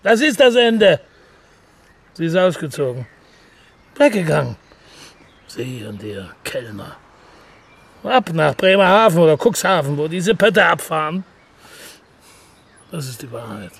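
A gruff, gravelly balcony owner. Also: male voice, a little high, very animated, a little slow, pauses often, a bit bright, heavily acted. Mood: wistful. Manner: gruff, possessive, bossy. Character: stubborn male balcony owner spinning tall tales. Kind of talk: radio drama acting.

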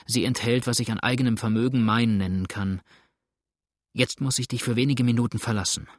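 Desperate fleeing judge, pleading and trembling, husky dry voice, read by a man. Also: lowish voice, no room sound, close to an everyday voice.

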